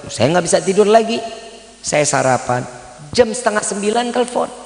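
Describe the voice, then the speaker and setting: A man preaching a sermon as a lively story, in colloquial speech that acts out the dialogue. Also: high voice, normal speed. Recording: echoey hall with long reverb.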